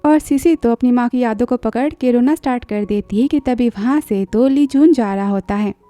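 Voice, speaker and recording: A woman retells a drama's plot in a high voice, quick to slip into the characters' lines. Her tone is mellow and a little dark. The close, dry voice-over has faint music behind it. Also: dry recording. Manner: retells the plot in a chatty way, briefly acting out each character's lines. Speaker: drama recap narrator. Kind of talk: storytelling recap of a drama.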